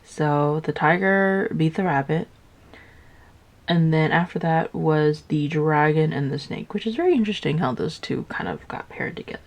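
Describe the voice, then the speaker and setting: A young woman casually retelling a story while building Legos, rambling with lots of filler words and high, playful voices for the characters. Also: a little mellow. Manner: rambling, filler-heavy, with "like" everywhere. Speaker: vlogger.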